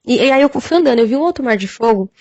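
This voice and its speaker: A Brazilian woman giving a church testimony of a vision, halting with fillers and citing Bible verses, on a dull lo-fi recording. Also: high voice, animated, a little mellow, no echo. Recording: dull lo-fi recording, dry sound.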